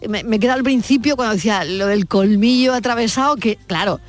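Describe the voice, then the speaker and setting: A woman hosting an afternoon radio show, playful and teasing, with quick interjections. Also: on the high side, a crowd in the background. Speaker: radio host. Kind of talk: casual radio chat.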